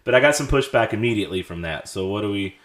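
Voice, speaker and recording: A man's voice: on the low side, expressive, fast, fairly bright tone. A man hosting a casual group podcast chat, his voice echoing around an indoor room. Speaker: podcast host. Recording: echoey, roomy sound.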